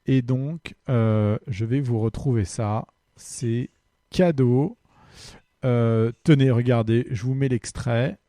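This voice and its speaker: A man's voice: mid-range voice, slow pace, warm tone, no echo, studio quality. A man hosting a casual solo podcast, answering listener questions in a friendly, hesitant way full of fillers.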